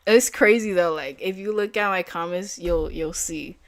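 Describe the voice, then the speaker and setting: A young woman with a fairly low voice and a moderate pace talks with her audience while day trading live. The recording is dry, and her chat is casual, packed with fillers and slang.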